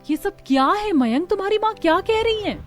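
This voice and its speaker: A woman's voice: fairly high pitch, fairly quick, faint music behind, close to an everyday voice. A woman voicing a spoiled, arrogant rich young daughter-in-law in a cartoon story, speaking in a sneering way. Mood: haughty. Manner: haughty, sneering.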